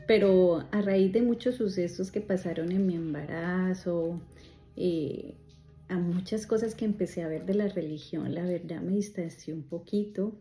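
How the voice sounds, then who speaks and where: A middle-aged woman, a grief coach softly and reflectively telling her personal story. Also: lowish voice. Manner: soft, reflective, heartfelt.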